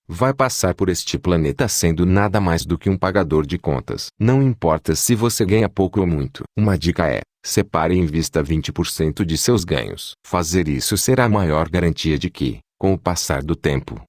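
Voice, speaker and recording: Deep-voiced man narrating a motivational audiobook. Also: no room sound, clean studio sound. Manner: steady, assertive motivational delivery.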